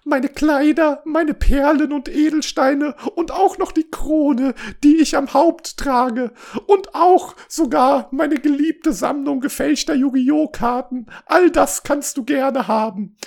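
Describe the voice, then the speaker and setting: A man voicing a whiny, spoiled young princess in a comic fairy-tale reading, sobbing and shrill. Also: very animated, moderate pace, hardly any pauses. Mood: desperate.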